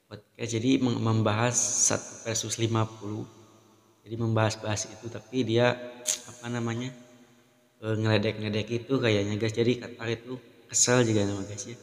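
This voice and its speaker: A man's voice: lowish voice, little pitch movement, normal speed. A man hosting a reaction video, chatting casually over clips and tacking "guys" onto nearly every phrase. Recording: echoey room with long reverb.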